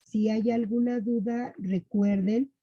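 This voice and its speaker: A Mexican woman teaching a class on punctuation, talking haltingly with many fillers and restarts. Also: on the high side, steady tone, warm tone, husky, no echo. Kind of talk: online class lesson. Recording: dull lo-fi sound.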